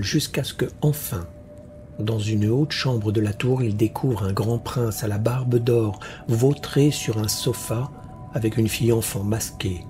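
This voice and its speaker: A man narrating a fantasy story for an audiobook in a measured, deliberate way. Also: fairly low pitch, warm tone.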